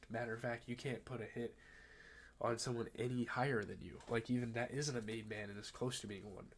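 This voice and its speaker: A young man, a little under the weather, recapping a TV episode in a loose, chatty way with lots of fillers, reading plot summary and then riffing on it. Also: medium pitch. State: a little sick. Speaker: TV show reviewer.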